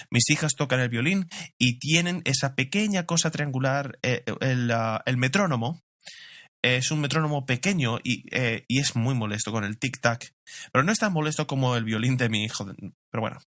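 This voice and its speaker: A man's voice: medium pitch, a bit bright, dry recording, clean studio sound. A middle-aged man, a pastor, preaching a sermon in a conversational way, asking rhetorical questions and telling personal stories.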